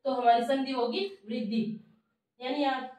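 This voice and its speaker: A woman with a high voice teaches a grammar lesson, slowly repeating each term as if she were dictating it. She sounds set back from the mic in a strongly echoing room. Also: steady tone, dark tone. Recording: echoey room, voice from far off.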